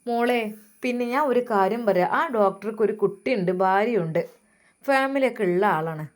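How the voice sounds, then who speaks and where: A woman voicing an older mother-in-law, talking low and soft in a coaxing, guilt-tripping way. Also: normal speed, close to an everyday voice. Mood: pleading.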